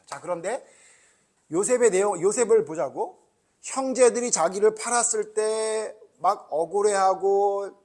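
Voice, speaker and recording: A man preaching a children's Sunday school sermon, talking casually and asking the children lots of questions. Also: on the high side. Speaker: pastor.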